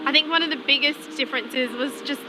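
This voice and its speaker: A woman's voice: sits high, steady tone, fairly quick. A woman from Australia, a former exchange student, speaking candidly in an interview. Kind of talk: documentary interview. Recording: video with music bed.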